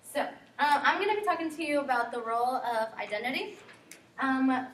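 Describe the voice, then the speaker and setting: A woman's voice: high voice, fairly bright tone. A young woman from Guatemala giving a student class presentation, earnest and full of ums and likes. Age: young adult. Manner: earnest, filler-heavy with frequent ums and likes. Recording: echoey classroom from far off, faint noise.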